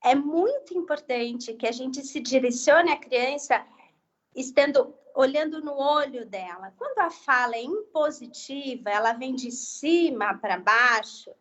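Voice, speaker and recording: Woman speech therapist guest, high voice, gentle, explanatory, dull lo-fi sound. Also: lively intonation, a little slow. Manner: gentle explanatory tone, frequent tag questions. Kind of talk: live online health talk.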